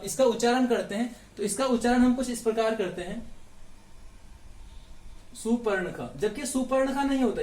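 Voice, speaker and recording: A man's voice: very high-pitched, darkish tone, roomy sound. A man with a Hindi accent teaching Hindi grammar by walking through exam questions, posing questions and answering them himself. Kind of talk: exam question walkthrough lesson.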